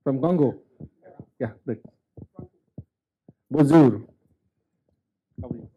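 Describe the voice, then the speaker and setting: Slow polite male moderator, mellow. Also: mid-range voice, slightly rough, highs cut off. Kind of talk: ceremony moderation.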